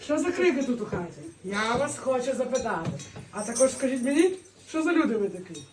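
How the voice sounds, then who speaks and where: Threatening tyrant king played by a woman, rapid high-pitched commands in rhyme for a folk play, roomy distant mic. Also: big pitch swings, over music. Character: stern, threatening King Herod. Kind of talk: Christmas nativity folk play. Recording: echoey room, distant mic.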